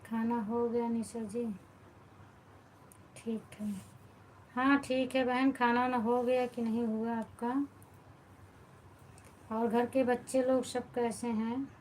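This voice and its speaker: A woman hosting a late-night live stream at home keeps her voice low while others sleep. She talks slowly, in a fairly high but flat tone. A faint hiss of background noise runs under her voice. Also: low-quality recording. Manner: warm greetings, devotional blessings to viewers. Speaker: live-stream host chatting with viewers. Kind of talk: casual live chat.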